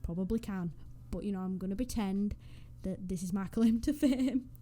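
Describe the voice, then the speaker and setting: This Sims YouTuber, a young northwest English woman with a matching regional accent, rambles casually while working on a game build, tossing in self-deprecating comments. Her voice is warm and mid-range at a normal speed, picked up by a USB desk mic.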